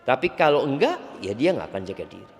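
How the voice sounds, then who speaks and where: Lively preacher man in a reverberant hall. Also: medium pitch, fast talker, creaky, faint music behind. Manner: lively, teasing, acts out little quoted exchanges. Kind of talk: Islamic sermon to a congregation.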